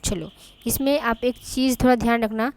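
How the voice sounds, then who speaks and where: A woman teaching an exam-prep grammar lesson, often pausing on "ठीक है" and spelling examples out slowly. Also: fairly high pitch, fairly even intonation, clear, resonant tone.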